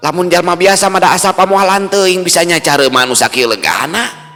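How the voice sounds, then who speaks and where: Fretful lost villager muttering to himself, a man putting him on, bright and high, reverby with light music. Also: fairly quick. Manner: fretful, muttering to himself, then chanting incantations. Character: bewildered village man lost near a haunted tree. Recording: long reverb with faint music.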